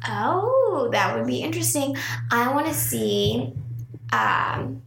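A woman co-hosts a podcast with a high voice and casual, chatty delivery. The room is echoey, with a little noise underneath. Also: very animated, slow pace, gravelly, fairly bright tone. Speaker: podcast co-host. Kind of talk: casual banter. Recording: roomy echo, faint background noise.

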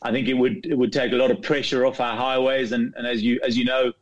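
A middle-aged man from Zambia, a company chief in a business interview, speaking haltingly with many restarts and repeated words. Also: mid-range voice, little pitch movement. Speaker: property fund CEO, guest. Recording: dull lo-fi remote line.

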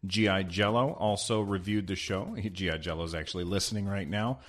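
A man with a lowish voice hosts a podcast on his own, talking in a chatty, rambling way. His voice bounces around an unfinished studio room and comes back with a clear echo. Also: brisk. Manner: chatty and rambling, many fillers. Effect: echoey half-finished room. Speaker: podcast host. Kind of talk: casual solo podcast talk.

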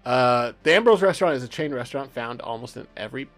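Over background music, this male podcast host talks quickly in a mid-range, fairly bright voice with lively intonation. The conversation is loose and informal, with swearing, frequent laughter, and occasional passages read aloud.

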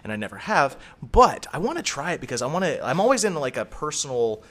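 A man's voice: fairly high pitch, very animated, quick pace, fairly bright tone. A middle-aged man chatting casually on a podcast, telling a story in a rambling, profane way. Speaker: podcast co-host. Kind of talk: casual chat.

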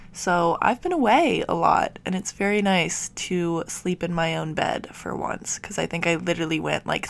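A young woman with a slightly low, gravelly voice hosts her own podcast, answering listener questions in a chatty, relaxed way. She is a bit sick, so her voice comes out nasal, and her talk is full of ums and soft little laughs. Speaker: podcast host. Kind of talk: casual solo podcast Q&A.

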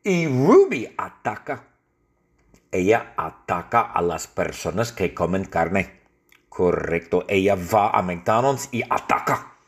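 A man improvising an absurd comedy story in a halting, repetitive, deadpan way. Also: fairly low pitch, slightly rough. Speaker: podcast host.

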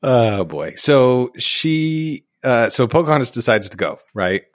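A man's voice: medium pitch, big pitch swings, a little slow, no room sound, studio quality. A man co-hosting a podcast, casually retelling a movie plot with jokey asides. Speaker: podcast co-host. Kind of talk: casual movie recap chat.

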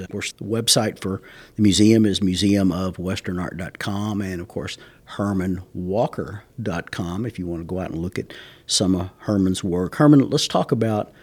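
A man hosting an interview podcast, chatty and friendly with halting restarts. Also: fairly low pitch, darkish tone, husky. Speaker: host, museum director.

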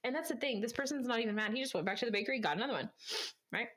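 A woman's voice: fairly high pitch, very fast, a bit bright. A woman co-hosting a casual podcast chat, laughing often and reading posts aloud. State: has the hiccups. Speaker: podcast co-host.

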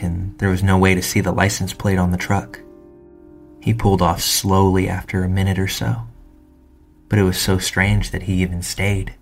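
A man reading first-person true stories aloud in calm, measured scripted narration. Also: low voice.

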